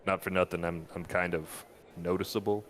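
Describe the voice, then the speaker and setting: A man's voice: deep voice, steady tone, a little fast, fairly bright tone. A man playing a tabletop role-playing game, laid-back and slangy as he talks through leads. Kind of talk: casual play chat.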